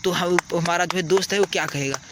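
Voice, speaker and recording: A man's voice: sits high, quick pace, background noise. A man, a teacher giving children earnest, repetitive advice outdoors at night. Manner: earnest, repeats "ठीक है" to check understanding. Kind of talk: casual advice talk to children.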